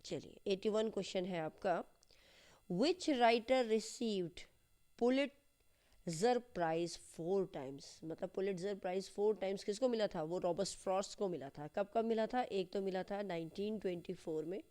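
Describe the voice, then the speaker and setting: A woman teaching English grammar and literature in a lesson that walks through an exam paper, explaining in Hindi and slowly dictating English sentences. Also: mid-range voice, warm tone. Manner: slow, deliberate dictation of English phrases.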